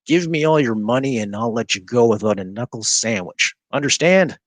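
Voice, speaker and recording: A man voicing a huge schoolboy bully, speaking slowly, loudly and threateningly in a storybook reading. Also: mid-range voice, animated, no room sound, natural voice. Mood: menacing.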